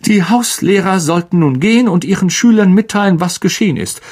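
A man's voice: high-pitched, expressive, brisk, darkish tone, slightly rough, voice pushed up. A man voicing a stern older female teacher in an audiobook reading, grave and commanding. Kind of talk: audiobook character voice.

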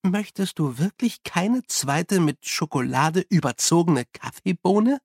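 A clipped, sarcastic young woman, voiced by the narrator, with a classroom bite in every line. Her voice is somewhat husky and recorded dry and close. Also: fairly low pitch, expressive, slow, a little mellow, no echo, full character voice. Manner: snappish, sarcastic.

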